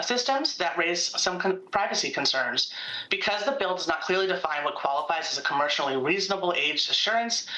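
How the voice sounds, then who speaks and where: A woman's voice: sits low, sharp tone. A woman policy director gives formal testimony over a video call, reading a prepared statement with small stumbles. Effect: heard over a video call. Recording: echoey video call audio.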